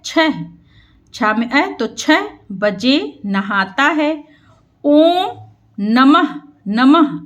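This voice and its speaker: A woman's voice: high-pitched, pushed and bright, lo-fi sound. A woman teacher leading a reading lesson, sounding out words syllable by syllable and having listeners repeat after her. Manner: slow, patient syllable-by-syllable reading. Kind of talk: Hindi reading lesson for children.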